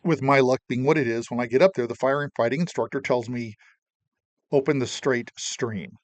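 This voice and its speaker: A man's voice: mid-range voice, fast, no room sound. A man hosting a show and narrating his own memories in a plain-spoken, wry way, mixing history and personal story. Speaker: podcast host and narrator.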